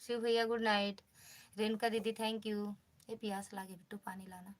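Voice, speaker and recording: A woman's voice: mid-range voice, flat delivery, normal speed. A woman with an Awadhi accent hosting a casual phone live stream, greeting viewers by name and answering their comments. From northern India.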